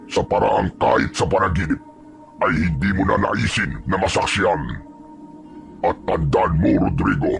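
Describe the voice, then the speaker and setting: A man voicing a vengeful male aswang villain who taunts slowly and threateningly, in a horror story narration. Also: deep voice, gravelly. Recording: music playing behind.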